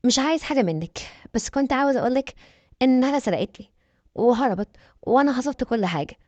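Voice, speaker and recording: A woman's voice: high voice, animated, fast talker, a little mellow, no echo, muffled recording. A woman voicing a remorseful middle-aged ex-husband who pleads with an Egyptian accent. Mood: regretful. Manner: pleading, regretful.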